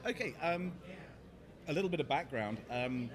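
Crowd chatter fills the busy indoor hotel conference hall where this middle-aged startup CEO from England is interviewed about his work. His English-accented voice sits on the high side, animated, at a moderate pace, against the noise of the crowd.

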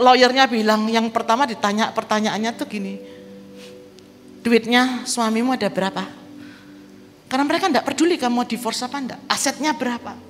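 A woman evangelist preaching a sermon with a personal testimony, telling her story vividly and acting out the dialogue. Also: fairly high pitch. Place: large church hall. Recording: church hall reverb with background music.

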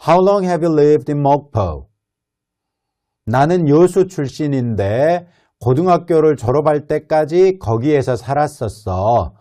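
A man teaching spoken English, explaining in Korean and modelling slow, deliberate phrases for students to repeat. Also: a little high, lively intonation, dark tone. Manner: explains pronunciation, drills words in repetition.

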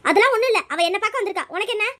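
A woman's voice: extremely high pitch, lively intonation, racing, sharp tone, exaggerated voice. A woman voicing a scheming, superstitious mother-in-law in a cartoon, who scolds and gives orders. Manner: scolding, commanding. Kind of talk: cartoon voice acting.

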